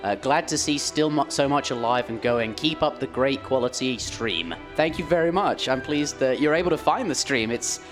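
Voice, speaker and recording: An esports caster chats his way through a live studio match at a moderate pace with hardly any pauses, his medium-pitched voice worn from days of commentary. Music plays in the background as he reads out viewer messages.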